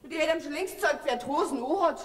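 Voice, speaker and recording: A cheeky Bavarian daughter. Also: female voice, high-pitched, animated, fast. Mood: goading. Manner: pert, egging on. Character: cheeky grown daughter, rebellious and pert. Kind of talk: folk theater comedy acting. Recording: stage recording in a hall.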